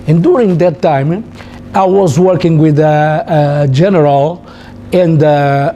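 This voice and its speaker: A man from Angola with an Angolan Portuguese accent, a native Portuguese speaker, recalling his life in halting, repetitive English as he searches for words. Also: on the high side, warm tone, a little hiss or hum. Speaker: interviewee, former soldier. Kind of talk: personal recollection in an interview.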